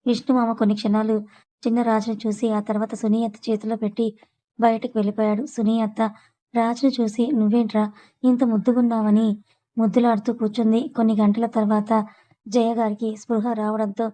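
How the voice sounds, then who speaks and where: A woman's voice: a little high, little pitch movement, fairly quick, mellow. A woman narrating a serialized family drama story, reading the characters' lines in her own voice. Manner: reads all characters' lines in her own voice with little change.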